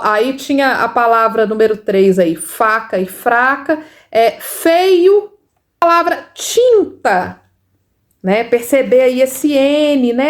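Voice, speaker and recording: Woman, Brazilian Portuguese accent, high voice, literacy teacher, casual lesson, tag questions, slow sounded-out syllables. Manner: chatty, fillers, frequent tag questions, sounding out syllables slowly. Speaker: first-grade literacy teacher. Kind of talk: casual explanatory lesson video.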